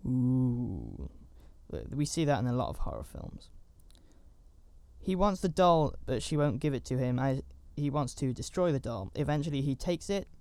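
A man's voice: fairly high pitch, lively intonation, moderate pace, a little mellow, clean tone, no echo. A man giving a casual, rambling recap of a horror movie, with chatty asides and fillers. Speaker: film reviewer.

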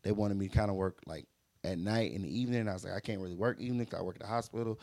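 Gravelly low-voiced man storytelling. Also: racing, darkish tone, no room sound, studio quality. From Mississippi. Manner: rambling, self-correcting, emphatic repetitions. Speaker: podcast host. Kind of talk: casual storytelling monologue.

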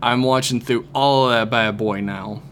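A man's voice: medium pitch, fairly even intonation, moderate pace, a bit bright. A man co-hosting a casual fan podcast, talking in an informal, irreverent, sweary way. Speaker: podcast co-host. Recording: faint background noise.

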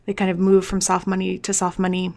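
A woman's voice: medium pitch, monotone, fairly quick, gravelly, a little mellow. A woman in her thirties talking informally in a panel discussion, with slightly slurred marbles-in-mouth articulation, hesitating and often checking for agreement. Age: 30s. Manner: informal, hesitant, seeks agreement with "right?" and "you know". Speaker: scientist guest on a podcast.

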